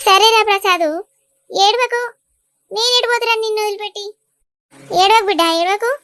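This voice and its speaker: A woman voicing a shrill, melodramatic village mother. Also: fairly even intonation, moderate pace, a bit bright, no room sound, studio quality. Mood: coaxing. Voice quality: high-pitched, dramatic pleading. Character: emotional village mother, older woman, doting on her son. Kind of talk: Telugu cartoon dubbing.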